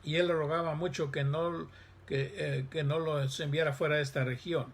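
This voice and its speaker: A male pastor preaching a sermon, reading scripture aloud and pausing with fillers. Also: on the high side, steady tone.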